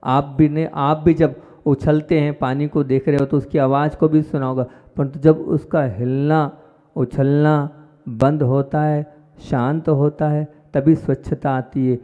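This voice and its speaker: A man, a Jain monk, giving a sermon and speaking to his listeners directly, with emphatic jumps in pitch and loudness on key words. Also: level tone, measured pace. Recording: dull reverberant hall sound.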